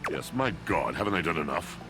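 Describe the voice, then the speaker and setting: A man's voice: very animated, fairly quick, music in the background. A man voicing a brooding, melancholy washing machine in a dating sim game, with a villainous voice and a grandiloquent, poetic monologue delivery. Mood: forlorn. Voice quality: deep, villainous voice. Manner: theatrical, grandiloquent dramatic monologue.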